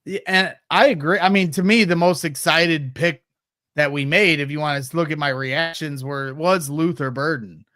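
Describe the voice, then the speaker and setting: A man appearing as a guest on a sports podcast, talking with eager, excited enthusiasm as a fan. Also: fairly high pitch, normal speed, dry recording, clean studio sound. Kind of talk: casual sports podcast chat.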